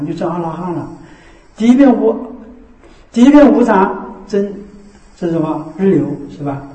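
A man giving a Buddhist dharma talk as a teacher. He keeps checking in with rhetorical tags and slows into a measured recited cadence for scripture. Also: high voice, mellow. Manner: repeats the tag "是吧" as a rhetorical check. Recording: echoey room.

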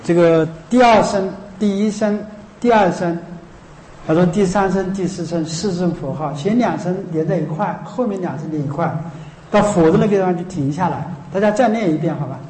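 Man, Buddhist teacher, high voice, explains chanting earnestly; recorded in a reverberant hall. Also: dark tone, slight background noise. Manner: slow drawn-out chanting alternating with earnest spoken explanation.

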